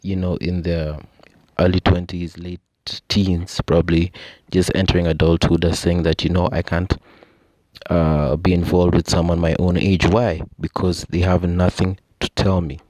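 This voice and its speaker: A man's voice: sits low, level tone, moderate pace, darkish tone, dry recording. A young adult man with a Kenyan accent, hosting a casual monologue, explaining ideas with frequent "you know" and "I think" asides. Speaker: podcast host.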